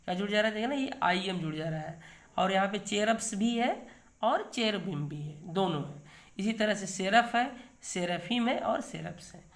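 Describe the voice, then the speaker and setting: A man's voice: high voice, animated, normal speed, fairly bright tone. A middle-aged man teaching English grammar in an online video lesson. He explains patiently, keeps asking himself rhetorical questions and checks in with the viewer.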